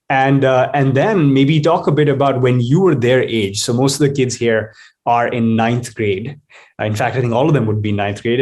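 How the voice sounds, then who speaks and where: A man's voice: medium pitch, a little mellow. A man hosting an online event, introducing and questioning a guest for young students in an explanatory way. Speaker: host, moderator.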